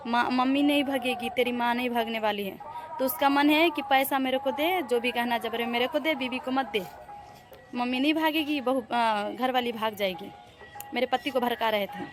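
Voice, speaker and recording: A young woman with a Bihari Hindi accent, vlogging in a plaintive, indignant way on a handheld phone as she walks through her family house and rooftop. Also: a little high. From Bihar, India. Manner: plaintive, indignant, pleading to viewers. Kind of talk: aggrieved personal vlog.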